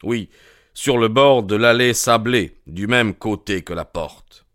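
A man voicing a grave, cautious male country doctor in an audiobook, measured and earnest. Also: on the low side, a bit bright, no echo, clean studio sound. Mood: factual. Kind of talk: audiobook character reading.

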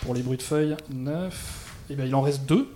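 A man with a plain, mid-pitched voice hosts a quiz for a guest, chatting playfully and reading out quiz lines. His delivery is casual and friendly. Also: moderate pace, a loud crowd. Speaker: quiz host.

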